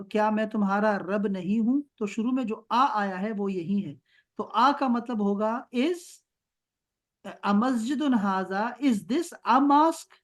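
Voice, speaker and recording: Encouraging male Arabic teacher. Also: sits high. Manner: encouraging, explains slowly in Urdu mixed with English. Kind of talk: online Arabic grammar lesson. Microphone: video call.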